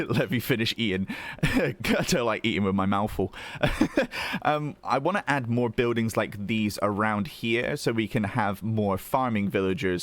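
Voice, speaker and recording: A young man giving a relaxed, rambling commentary while playing a building game, with lots of fillers and small laughs. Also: on the low side. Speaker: gaming video host. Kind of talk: casual gameplay commentary.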